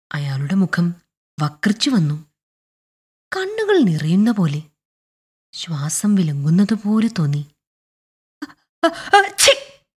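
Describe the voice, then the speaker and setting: A woman narrating a retold short story in an expressive, deliberate storytelling manner. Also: fairly low pitch, slightly rough.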